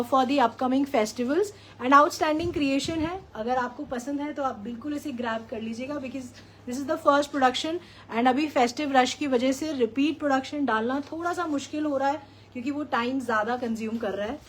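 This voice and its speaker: High-voiced Indian woman selling outfits live. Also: fairly bright tone, slight background noise. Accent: Indian English. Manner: effusive selling, repeats "very, very", mixes Hindi and English. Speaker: designer hosting a live sales showcase. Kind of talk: live shopping presentation.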